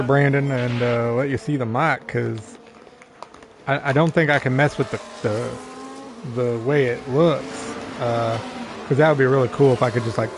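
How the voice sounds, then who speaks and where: A man's voice: mid-range voice, creaky, background noise. A young man chatting casually to viewers and a friend while streaming a racing management game, rambling and easygoing. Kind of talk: casual live-stream chat.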